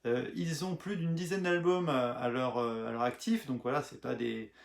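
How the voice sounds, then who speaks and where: A man talking casually about an album as a music blogger, pausing often with filler sounds and restarting his sentences. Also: mid-range voice, gravelly. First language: French. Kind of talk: casual spoken album review. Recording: echoey room.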